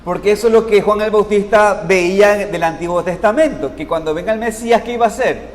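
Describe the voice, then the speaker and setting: A man preaching a sermon as pastor. He asks the congregation questions and answers them himself, and he slows down to stress key words. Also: sits high. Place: church sanctuary. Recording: long reverb in a church hall, faint noise.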